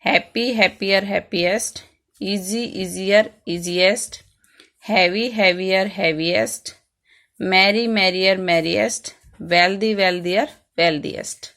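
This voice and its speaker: Slow-spoken woman teaching grammar. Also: medium pitch, steady tone, a bit bright. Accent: Indian English. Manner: reads rules out slowly in English, explains in Hindi. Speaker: school English teacher. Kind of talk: online grammar lesson. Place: Rajpura, Punjab.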